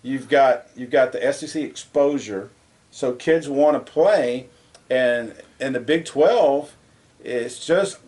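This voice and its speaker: Speaking slowly, a mid-pitched male co-host rambles casually through debates on a college sports podcast. His voice climbs and gets louder whenever something irks him.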